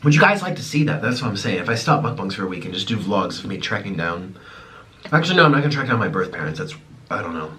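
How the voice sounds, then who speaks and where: With a fairly low, sing-song voice, the man talks fast, sounding bright and forceful. He's a mukbang host in his twenties, born in Ukraine and raised in the US, casually chatting and rambling while eating on camera at home. Faint room noise and a slightly distant mic color the recording.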